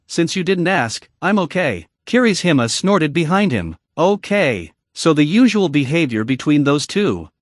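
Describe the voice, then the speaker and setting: Man reading fan fiction aloud, slightly high. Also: dry recording, studio quality. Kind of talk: scripted narration of fan fiction.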